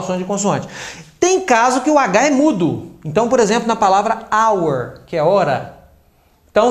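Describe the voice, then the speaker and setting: A man with a Brazilian Portuguese accent giving a casual, chatty English lesson, explaining through examples and often checking in with "né" and "ok". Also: high voice. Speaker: English teacher. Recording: roomy echo.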